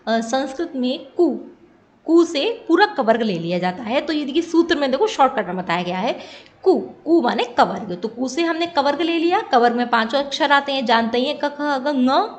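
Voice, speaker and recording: A woman Sanskrit teacher giving an exam-prep lesson, explaining step by step and often pausing to check that students follow. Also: sits high, lively intonation. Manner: patient, repeats "ठीक है" to check understanding.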